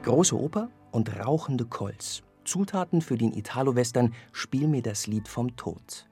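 A man reading a scripted radio review of an orchestral album in a measured, evaluative way. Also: mid-range voice, lively intonation, music in the background. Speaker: music critic.

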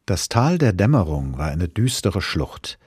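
Tiefe, heisere Erzählerstimme eines Mannes. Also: male voice, low-pitched, sing-song, unhurried, darkish tone, slightly rough, no echo, studio quality. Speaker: audiobook narrator. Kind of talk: storybook narration.

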